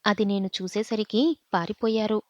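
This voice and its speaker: A woman's voice: medium pitch, steady tone, normal speed, no echo, muffled recording, lightly acted. Woman voicing a frightened young girl witness.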